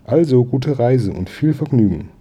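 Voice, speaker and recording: A man's voice: medium pitch, animated, dark tone, breathy edge, voice pushed up. Man doing a bustling gossipy neighbor lady. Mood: eager. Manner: bustling, gossipy, quick to reassure. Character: chatty eager neighbor woman, a baker's wife.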